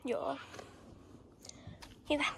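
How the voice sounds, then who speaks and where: A young woman vlogging outdoors on a field with a handheld camera, chatting casually with many fillers and calling out commands. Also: slight background noise. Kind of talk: casual hobby-horse riding vlog.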